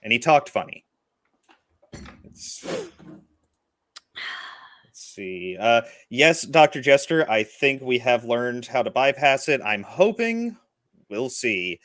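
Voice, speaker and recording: A man hosting a laid-back live-streamed movie chat. He rambles and fills pauses with uh's. His voice has a middling pitch and sounds dry and close to the mic. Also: big pitch swings, fairly bright tone, no room sound. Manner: rambling, full of uh fillers. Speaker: podcast host.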